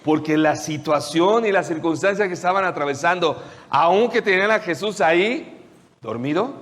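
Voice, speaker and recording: A man preaching a sermon, retelling the story with lively questions to his listeners. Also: high-pitched, moderate pace, long reverb tail. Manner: animated storytelling, asks the audience questions.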